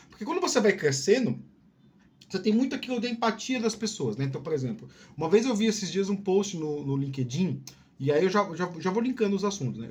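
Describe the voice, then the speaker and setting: With a high-pitched, darkish voice, a Brazilian man from Piauí gives casual career tips on video. His delivery is informal and wandering, full of repeated words and frequent check-ins with the listener.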